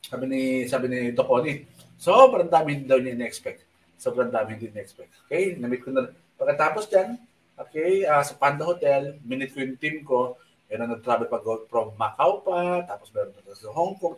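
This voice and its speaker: A man hosts a casual live stream, rambling through a story with many fillers and restarts. He keeps his voice low on purpose. The sound is roomy, and he sits back from the microphone. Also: fairly quick, distant mic. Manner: speaks softly on purpose at night. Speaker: online show host.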